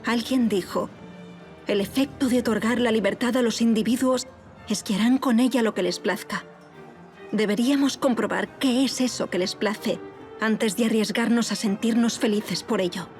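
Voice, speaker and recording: Faint music plays behind an actress voicing a tormented noblewoman of revolutionary France who narrates her own life in formal, literary speech. Her natural voice sits a little high, a little mellow, at normal speed, and the mood of this dramatic audio fiction monologue and dialogue is somber and reflective.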